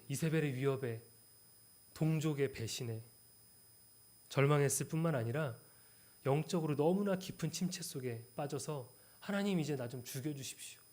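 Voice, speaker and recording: A young man preaching a midweek church sermon, swinging between loud, emphatic lines and soft, tender passages. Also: fairly high pitch.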